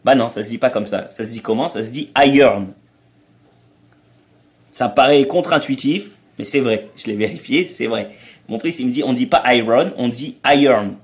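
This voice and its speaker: This is casual interview chat with a middle-aged male guest, a traveling parent, who speaks briskly in a mid-range voice. He mixes explanation with anecdotes in a familiar way, with hesitations and false starts along the way.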